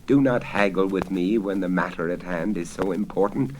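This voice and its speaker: A man's voice: low-pitched, normal speed, lightly acted. A man playing an anguished, imperious king. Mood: impatient. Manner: impassioned, theatrical, imperious. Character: anguished, desperate lovesick king, commanding and impatient. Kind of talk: dramatic storybook reading. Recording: crackly 1970s vinyl spoken-word record.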